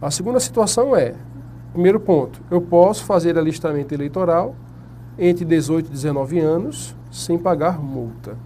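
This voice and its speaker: Delivering exam-prep material at a whiteboard, a teacher with a Brazilian Portuguese accent talks at a moderate pace in a fairly high, warm voice. He quizzes the class and answers his own questions, and slight background noise can be heard.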